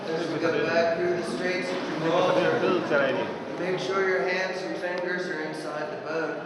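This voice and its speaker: A high-pitched male tour guide explains things simply inside a cave. His voice rings with heavy cave echo and comes from a distance, under loud background noise. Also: level tone, unhurried. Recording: echoey cave, distant, very noisy.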